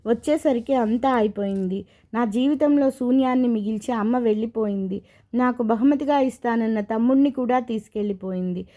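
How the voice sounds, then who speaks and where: A woman voicing a grieving young married man haunted by his past, told slowly and from the heart. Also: a little high, mellow, close to an everyday voice.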